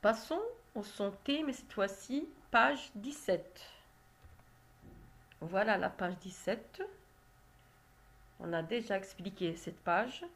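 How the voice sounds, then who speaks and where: A woman teacher walks young pupils through reading exercises, stretching out each word and syllable so they can follow. She speaks at a slow, measured pace in a mid-pitched voice, with the patient, deliberate delivery of a classroom lesson. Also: a bit bright. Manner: slow, careful, spells out syllables. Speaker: primary school teacher.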